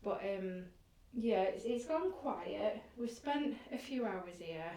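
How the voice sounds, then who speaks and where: A woman investigating an abandoned farmhouse at night as a paranormal investigator, chatting and teasing in a hushed, casual way. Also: medium pitch, animated, slow, far from the mic. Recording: echoey, off-mic with faint noise.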